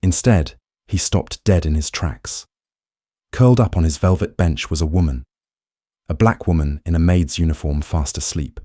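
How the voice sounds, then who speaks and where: A man reading a scripted story aloud in a measured, dramatic way. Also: deep voice, dark tone, dry recording, clean studio sound. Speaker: narrator.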